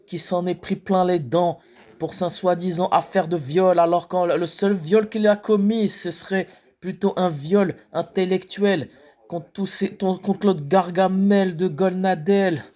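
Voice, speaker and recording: A man delivering a spoken protest rap in a halting, freestyle way, often restarting words and hitting rhetorical questions hard. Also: high-pitched, a little mellow. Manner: slow, declaiming delivery with emphatic rhetorical questions. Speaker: rapper.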